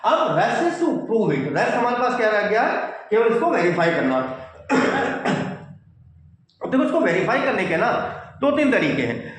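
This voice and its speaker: A man's voice: high-pitched, big pitch swings, moderate pace, long pauses. A man teaching physics in a whiteboard lecture, explaining step by step, often repeating phrases and checking that students follow, mixing English terms into his Hindi. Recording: very echoey room.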